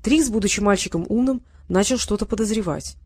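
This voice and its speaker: Woman narrating an audiobook calmly. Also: medium pitch, fairly quick, husky. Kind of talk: scripted narration.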